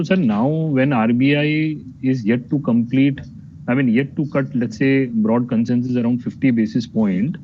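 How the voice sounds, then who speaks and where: An Indian man working as a financial analyst asks management courteous but probing questions on an earnings call. He has a warm, mid-range voice, coming through a dull and noisy conference line.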